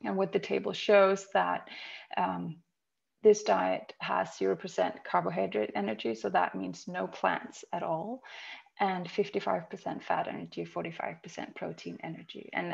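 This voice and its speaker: Woman in her thirties, from Greenland, very gravelly low voice, measured lecture, dull video-call sound. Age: 30s. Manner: measured, explanatory, occasional ums. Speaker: microbiology researcher presenting. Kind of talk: online presentation talk.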